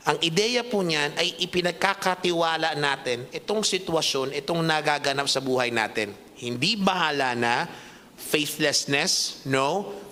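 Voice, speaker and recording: A man with a Filipino accent preaching a sermon as pastor, telling stories in an animated way and switching between English and Tagalog. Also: fairly high pitch, long reverb tail, slight background noise. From Philippines. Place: church hall.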